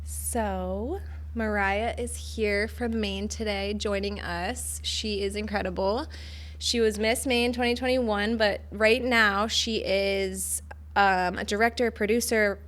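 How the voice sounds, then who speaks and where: Twenties woman host, casual podcast chat, gushing, lots of "like", mid pitch. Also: steady tone, slow, fairly bright tone. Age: 20s. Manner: bubbly and effusive, with frequent "like".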